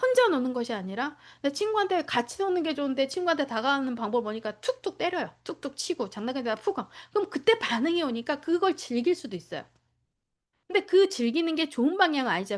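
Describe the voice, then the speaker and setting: A woman training daycare teachers, lecturing in a lively way, acting out children's and teachers' lines and checking in with short tag questions. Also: high-pitched, fast.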